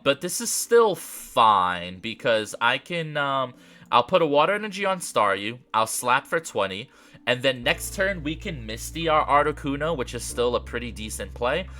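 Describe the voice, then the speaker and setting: Lively nasal young man commenting. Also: mid-range voice. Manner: chatty, frequent "um" and throat clearing. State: congested, nasal from allergies. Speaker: gaming creator. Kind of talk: casual gameplay commentary.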